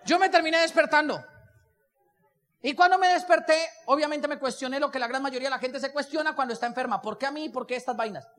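A man's voice: extremely high pitch, a bit bright, big-room sound. A man with a Colombian accent giving a live motivational talk, telling his story, acting out the dialogue and asking the audience questions. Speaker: motivational speaker.

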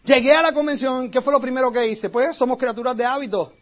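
A man from Puerto Rico with a Puerto Rican accent, giving an animated storytelling talk to an audience as a motivational speaker. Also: extremely high pitch, fast. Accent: Puerto Rican Spanish. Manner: animated, acts out quoted voices. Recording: dull lo-fi recording.

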